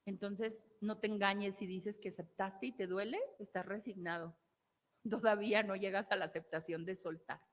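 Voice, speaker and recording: In a long, reverberant hall, a Mexican-accented woman therapist gives a forceful motivational talk full of repeated key phrases and rhetorical questions. Her mid-range voice keeps fairly even intonation at a moderate pace.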